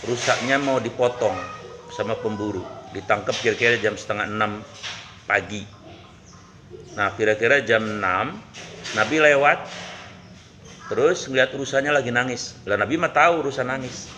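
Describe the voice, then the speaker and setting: A man's voice: medium pitch, moderate pace, pauses often, noisy background. Joking, chatty male preacher. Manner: humorous, conversational, asks the audience questions. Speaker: Islamic preacher. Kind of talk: casual sermon with storytelling.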